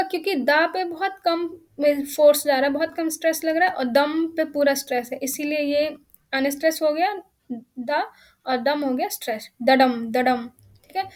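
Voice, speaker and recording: A woman with an Indian accent, teaching an exam-prep lesson and explaining step by step, reading English questions slowly. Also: sits high.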